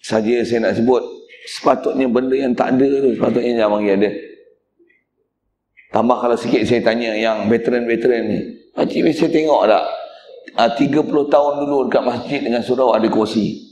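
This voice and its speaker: A man's voice: mid-range voice, brisk, darkish tone, roomy sound, a little hiss or hum. A male religious teacher, giving a mosque lecture in a blunt, teasing way and speaking straight to the congregation.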